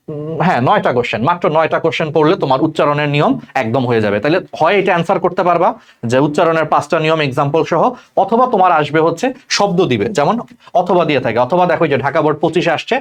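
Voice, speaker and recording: Young male tutor, rapid chatty exam-prep lecturing, slightly high voice. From Bangladesh. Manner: fast, chatty, addresses students as "bhai", many checks like "thik ache?".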